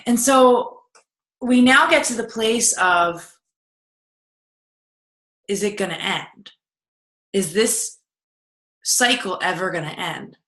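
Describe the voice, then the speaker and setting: A woman's voice: medium pitch, slow, pauses often, a bit bright. A woman coaching in a recorded video lesson, talking casually and acting out the self-talk she describes. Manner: conversational, repeats and acts out inner self-talk. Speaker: personal growth coach. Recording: echoey room.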